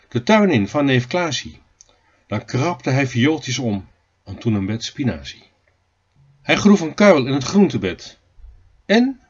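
A man reading aloud a rhymed storybook in a lively sing-song delivery. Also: mid-range voice, slightly rough, muffled recording. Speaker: audiobook reader.

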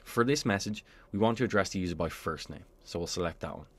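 With lively intonation and rapid delivery, a low-voiced man reads a scripted software walkthrough. Each step gets a clear, orderly explanation, as in a typical screencast voice-over.

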